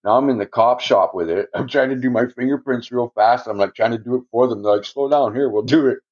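A man's voice: mid-range voice, quick pace. A man telling a long personal story in casual podcast talk, swearing a lot and chuckling as he rambles. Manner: profane, rambling, chuckles often. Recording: dull lo-fi recording.

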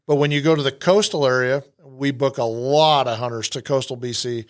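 A man hosts a casual hunting podcast in a mid-pitched voice. He rambles, restarts his sentences and leans on fillers as he talks. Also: brisk. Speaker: podcast host and hunting outfitter.

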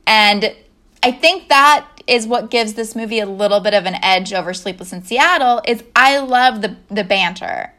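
A woman's voice: on the high side, normal speed, pushed and bright. A woman in casual chat about movies, laughing often and acting out scenes as she retells them.

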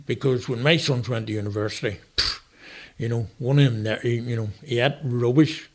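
Older northern irish guy rambling through stories, easygoing guest chat, mid pitch. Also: fairly even intonation, brisk. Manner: rambling, anecdotal storyteller. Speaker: guest author and retired chef. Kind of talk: casual interview chat.

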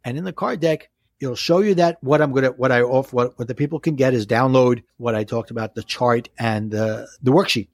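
A man's voice: medium pitch, fairly quick, no room sound. A man with a Brooklyn accent talking as a life coach in an interview, explaining step by step with rhetorical questions. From Brooklyn, New York.

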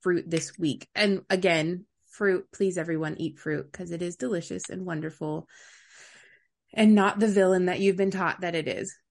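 A woman hosting a casual podcast interview, chatty and quick to laugh, lively when she quotes people. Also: lowish voice, vocal fry. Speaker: podcast host.

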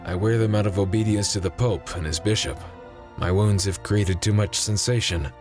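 An actor playing a humble, wounded friar in an audio drama, subdued and resigned. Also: male voice, fairly low pitch, fairly even intonation, moderate pace, darkish tone, soft background music, close to an everyday voice. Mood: weary, resigned. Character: weary, humble, obedient wounded male friar. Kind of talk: dramatized audio story acting.

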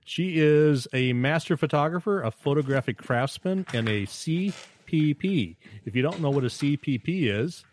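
A man hosting a podcast in casual banter, joking and laughing often. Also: mid-range voice. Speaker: podcast host.

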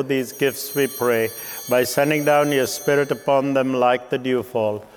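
Male priest, solemn liturgical recitation, measured phrasing, medium pitch, long cathedral-like reverb. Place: large reverberant church.

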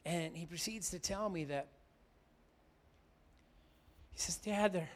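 A middle-aged pastor preaching a sermon. He moves between loud, emphatic declarations and quiet, confiding storytelling. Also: high voice, slow.

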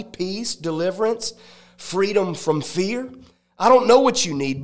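A male evangelist giving a devotional sermon, emphatic and preachy, with dramatic pauses. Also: high-pitched.

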